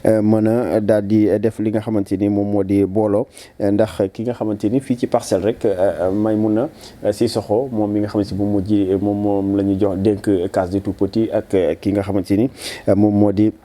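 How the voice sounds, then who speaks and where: Man, super dark low voice, lots of ums while explaining politics. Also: flat delivery. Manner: hesitant, many fillers and pauses. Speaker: political commentator. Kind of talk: political discussion.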